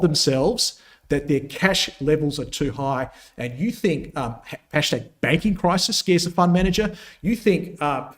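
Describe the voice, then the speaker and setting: A man giving a live market analysis session, talking through charts in a conversational, opinionated way with frequent fillers and restarts, getting emphatic when he makes a point. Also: a little high. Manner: gets emphatic and punchy when making a point.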